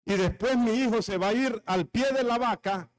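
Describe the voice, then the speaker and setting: Honduran pastor preaching, fairly high voice, jokey and chatty with the church. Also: male voice, moderate pace. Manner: jokey, storytelling, talks with the congregation. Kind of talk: sermon.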